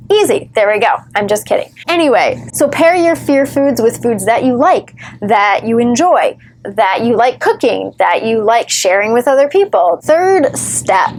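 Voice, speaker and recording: A woman's voice: fairly high pitch, a little mellow. A woman giving earnest, reassuring advice straight to camera as a recovery vlogger, with the odd wry joke. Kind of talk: encouraging direct-to-camera advice.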